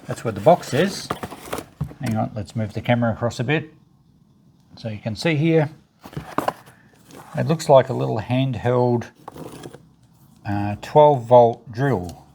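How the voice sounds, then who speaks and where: With a creaky, medium-pitched voice, the host of this unboxing video, who recycles and resells e-waste, talks unhurriedly and pauses often while going through items in a matter-of-fact way. The recording has noticeable background noise with clicks.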